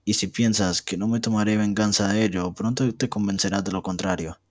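A man's voice: lowish voice, steady tone, brisk, dry recording, clean studio sound, lightly acted. A young man voicing a vengeful, brooding rogue. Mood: bitter. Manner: resentful and threatening. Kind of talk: amateur reading of a novel.

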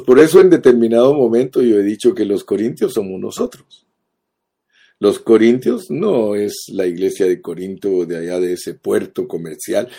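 Slow, husky-voiced preacher. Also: male voice, lowish voice, dark tone. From Guatemala. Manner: earnest, repeats phrases for emphasis, addresses listener directly. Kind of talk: sermon.

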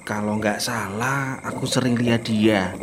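A jittery young man, played by an actor, reluctant and quick to protest. His lines sit over a faint hiss in a radio drama. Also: on the low side, steady tone, lightly acted. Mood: uneasy. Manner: nervous, reluctant, fast comebacks. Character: cautious young man wanting to go home.

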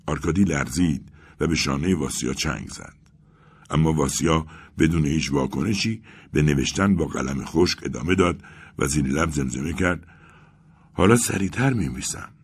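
A man narrating a literary story in a measured, grave, dramatic reading style. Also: a bass voice, slightly rough. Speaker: audiobook narrator.

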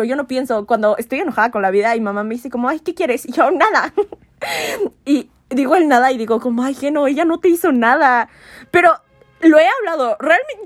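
High-voiced young woman, chatty. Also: no room sound. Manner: animated, laughs often, acts out quoted voices. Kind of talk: casual chat.

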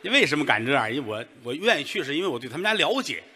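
A man performing stage crosstalk as the lead comedian, telling his story in a quick, animated, teasing way. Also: on the high side, background noise.

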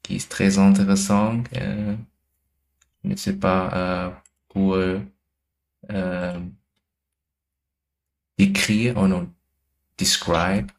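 Very low, hesitant man learning French. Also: little pitch movement, gravelly. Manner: hesitant, halting learner speech with many fillers. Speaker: language learner. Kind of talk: casual tutoring over a call.

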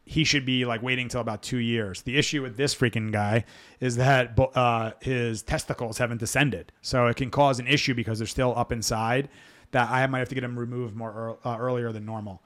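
A man's voice: medium pitch, steady tone, fairly quick, a bit bright. A man hosting a live dog-training Q&A podcast, talking frankly in a rambling, self-interrupting way. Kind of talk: casual live Q&A chat.

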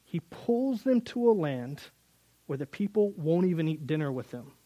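Earnest higher-voiced male Bible teacher. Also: sing-song, moderate pace, dark tone, no room sound. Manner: earnest, stumbles and repeats words while building emphasis.

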